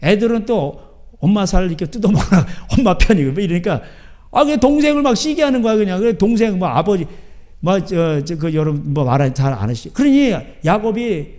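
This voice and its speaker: A man's voice: high voice, lively intonation, fairly quick, a little mellow. A man preaching a sermon as pastor, in a rambling, chatty way, often asking his listeners "right?". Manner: keeps asking the crowd back "예?".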